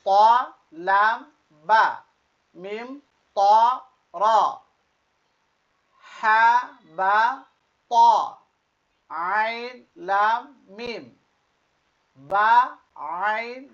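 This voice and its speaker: Quran teacher calling out letters one by one, super slow, some really loud, dull muffled audio. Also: medium pitch. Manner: drills letters one by one, stressing some loudly. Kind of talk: online class reciting letter names.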